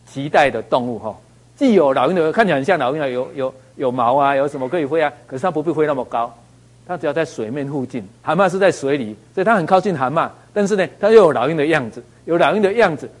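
Male motivational speaker, lively storyteller, tosses out rhetorical questions. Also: fairly high pitch. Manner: animated storyteller, asks the audience rhetorical questions. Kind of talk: motivational talk with anecdotes.

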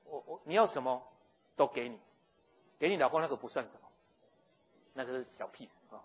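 A man's voice: mid-range voice, lively intonation, fairly quick, husky. A man voicing a boastful, lecherous ancient Egyptian king, stammering and wheedling. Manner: wheedling, stammering, with little chuckles.

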